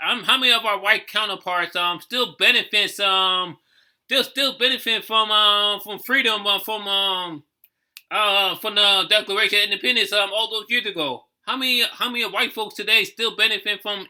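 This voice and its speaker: Hosting casual reaction commentary, a man thinks aloud off the cuff, stumbling into halting, repeated phrases. His voice sits high and has a sharp edge.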